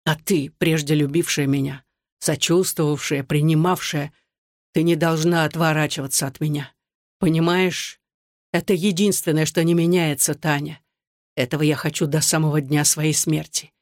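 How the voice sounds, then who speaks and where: A reader voicing an anguished, bitter soldier husband who speaks low and clipped through gritted teeth, in an audiobook. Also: male voice, steady tone, moderate pace, no echo, clean studio sound, natural voice. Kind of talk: audiobook dialogue.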